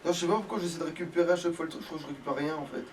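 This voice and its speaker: Playing through a video game for a let's play, this man races along in a high-leaning voice, tossing out casual, profane, slang-heavy remarks. It's recorded on a distant mic with background noise.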